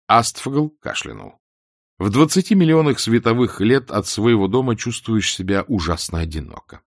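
A man narrating an audiobook in a measured, dry, ironic manner. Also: on the low side, no echo. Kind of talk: scripted narration.

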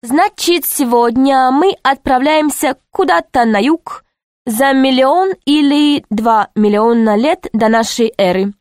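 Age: adult. Figure: a woman reading a serious, measured man guiding a tour. Pitch: raised. Pace: slow. Room: dry. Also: no room sound. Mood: earnest. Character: serious adult man, a time-travel institute guide.

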